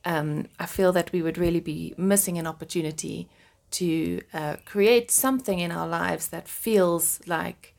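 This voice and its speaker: Gravelly-voiced woman, reflective and hesitant. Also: on the low side, a little slow, few pauses, darkish tone. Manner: reflective, hesitant with many fillers. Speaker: podcast co-host. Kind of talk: casual faith chat.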